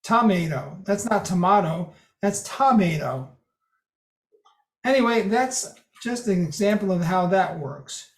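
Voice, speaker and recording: Speaking unhurriedly with lively intonation and a middling pitch, a presenter explains a code demo to a group. The talk is loose, with restarts and self-corrections as they go, and the meeting room's echo lingers on each word.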